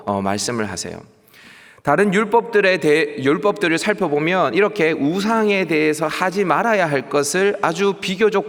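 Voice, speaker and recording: A male youth pastor with a Gyeongsang accent delivers a sermon, animated and emphatic, repeating key words. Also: a little high. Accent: Gyeongsang Korean. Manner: animated preaching with emphatic repetition and asides. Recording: long church hall reverb.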